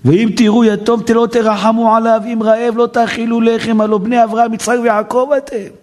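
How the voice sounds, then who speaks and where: A man's voice: extremely high pitch, little pitch movement, darkish tone, pitched above the performer's own voice. A man voicing a young man who pleads desperately and tearfully from a pit. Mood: beseeching. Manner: tearful, begging.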